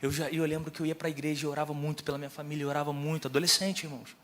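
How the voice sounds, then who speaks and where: A young man from Rio preaching a sermon in casual, slangy speech, swinging from loud calls to hushed storytelling. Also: a little high, flat delivery, rapid-fire. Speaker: pastor.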